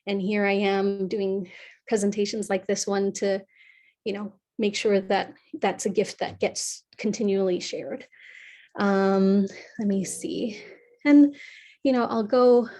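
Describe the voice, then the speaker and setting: A young woman from California, a psychotherapist presenting an online workshop in an earnest, warm way, with many fillers and restarts. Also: mid-range voice. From California, USA. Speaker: psychotherapist leading a wellness workshop. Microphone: video call.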